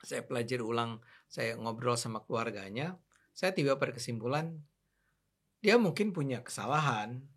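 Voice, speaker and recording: An older man in a casual talk show, telling his side of a political falling-out in an animated, opinionated way. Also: medium pitch, normal speed, slightly rough. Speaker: political commentator.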